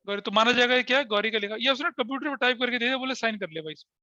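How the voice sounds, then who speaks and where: A male teacher with a bright, forceful voice runs a class for students in the room and online, firing questions and drilling terms again and again. The sound is dry and a little dull, close and without room echo. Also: extremely high pitch, rapid-fire. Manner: questioning, repeats key terms, checks if students follow. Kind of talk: classroom accounting lesson, mixing in English.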